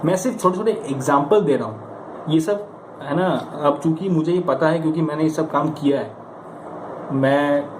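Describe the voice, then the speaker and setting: This Indian coach, a man with a stammer, gives practice advice at a moderate pace in a slightly high voice. His informal motivational lesson is chatty, emphatic and coaxing, full of rhetorical questions and acted-out examples, and the echoey room carries clear background noise.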